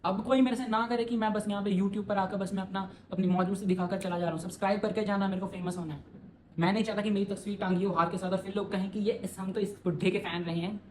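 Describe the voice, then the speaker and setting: Young male YouTuber, rapid, jokey, self-promoting; light room noise behind him. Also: sits high, fairly even intonation, darkish tone, rough recording. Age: young adult. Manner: fast-talking, joking, self-promoting. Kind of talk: casual vlog, reacting to a reading.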